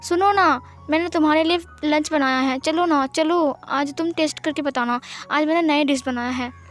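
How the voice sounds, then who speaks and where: A woman's voice: sits high, normal speed, faint music behind, close to an everyday voice. A woman voicing a clingy young man who sulks and cries like a child when refused. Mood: wheedling. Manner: sulky, sobbing, childish pleading. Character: clingy whiny young man, easily tearful.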